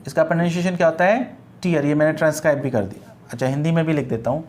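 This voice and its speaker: A man teaching grammar in a classroom-style lecture, explaining slowly, repeating words and spelling them letter by letter. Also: fairly high pitch, a little mellow.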